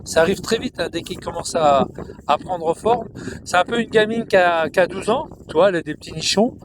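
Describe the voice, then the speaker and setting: A man talks briskly to camera in a cow pasture while filming with his phone, against a noisy background. His casual talk is chatty, rambling, and repetitive, and he occasionally coos to the cows in a high, sing-song voice.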